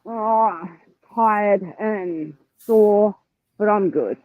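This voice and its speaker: A woman's voice: mid-range voice, extremely slow. Tinny-sounding woman on a call. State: coming down with a cold. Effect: tinny earbud mic over a call. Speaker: remote caller on a livestream. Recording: tinny, dry, phone-like call audio.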